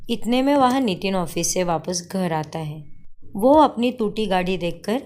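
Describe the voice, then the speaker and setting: A woman narrating a cartoon story in a plain, steady voice. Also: medium pitch, measured pace.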